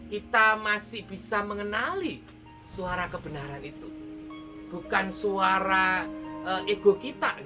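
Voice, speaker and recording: A woman with an Indonesian accent giving a devotional sermon at a morning prayer meeting, talking in a loose conversational way with many filler tags and hesitations. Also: mid-range voice.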